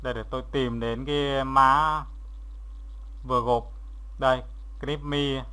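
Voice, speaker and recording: With a clear, resonant tone at medium pitch, a man narrates a software tutorial as an instructor. He moves step by step in a halting way, repeating instructions, and his tone holds steady.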